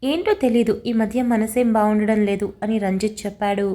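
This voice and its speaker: A woman voicing a troubled, gentle young man. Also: mid-range voice, steady tone, fairly quick, close to an everyday voice.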